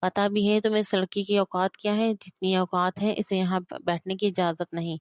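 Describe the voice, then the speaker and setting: A woman's voice: medium pitch, little pitch movement, no room sound, studio quality, close to an everyday voice. A woman reading as a scornful, scolding older mother-in-law. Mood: angry.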